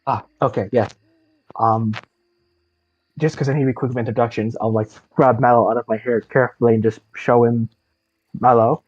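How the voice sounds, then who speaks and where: A man's voice: medium pitch, steady tone, normal speed, long pauses, a little mellow, dry recording. Brief: male player, chatty, muffled and dry voice-call audio. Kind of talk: casual tabletop role-play.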